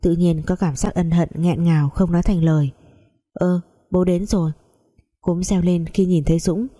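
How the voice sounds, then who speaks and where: A woman narrating a melodramatic family story, reading every character in a mostly even voice. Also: lowish voice, fairly quick.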